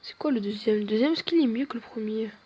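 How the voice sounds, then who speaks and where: A woman's voice: on the high side, quick pace, mellow, breathy edge, lo-fi sound. Woman cheering through a football video game. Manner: chatty play-by-play, cheering players on. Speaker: gamer.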